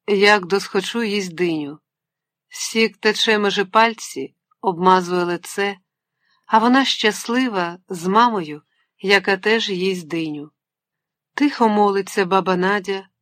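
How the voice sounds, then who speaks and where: Woman reading a novel aloud, dry sound. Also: no room sound. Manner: expressive reading, voices the dialogue with raised pitch. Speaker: audiobook narrator. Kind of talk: scripted narration.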